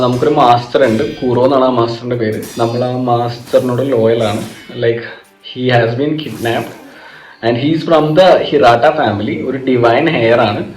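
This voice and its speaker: A man's voice: mid-range voice, a little mellow. Echoey Malayali man chatting about gaming. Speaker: gaming YouTuber. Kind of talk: casual video-game guide talk mixing in English. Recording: echoey room with music behind. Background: background music.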